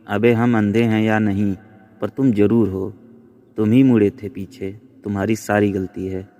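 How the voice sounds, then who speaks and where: A man's voice: on the low side, little pitch movement, measured pace, dark tone. A man voicing a feisty, bold young woman who talks brashly and scolds. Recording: long reverb.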